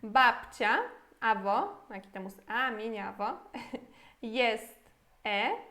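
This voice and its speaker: A woman's voice: on the high side, animated, pushed and bright. A woman with a Brazilian Portuguese accent teaching a beginner language lesson, patiently breaking words into syllables and checking in often. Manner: patient, slow syllable-by-syllable pronunciation drills, checks in with "tá?". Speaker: Polish teacher.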